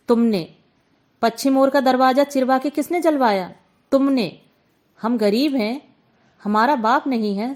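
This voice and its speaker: A woman's voice: high-pitched, darkish tone, natural voice. A woman voicing a poor young woman who pleads and cries out in a raised, tearful voice.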